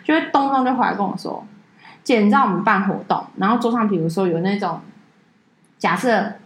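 A woman co-hosting a podcast, telling stories in a casual, animated way and mimicking people in a high voice. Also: fast talker, reverberant, poor audio. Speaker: podcast co-host. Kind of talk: casual chat.

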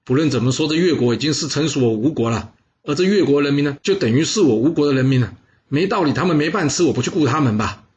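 A man's voice: fairly high pitch, lively intonation, fast talker, a little mellow, lo-fi sound, a little hiss or hum, close to an everyday voice. A man voicing a gullible, self-assured king in a storytelling recording, talking in a leisurely, indulgent way. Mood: self-satisfied.

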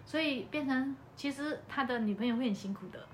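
Speaking fairly quickly in a high voice, a woman with a Malaysian Mandarin accent recounts a personal story on a podcast. The chat is casual, she acts out the dialogue with real energy, and a little hiss or hum can be heard.

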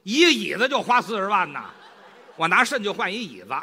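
A man playing the straight man in a crosstalk comedy routine, answering with short quick retorts and interjections. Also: high-pitched, sing-song, bright, forceful tone, husky.

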